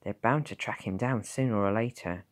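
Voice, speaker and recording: A woman voicing a calm, gentle country doctor in a storybook reading. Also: very deep voice. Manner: measured, gentle.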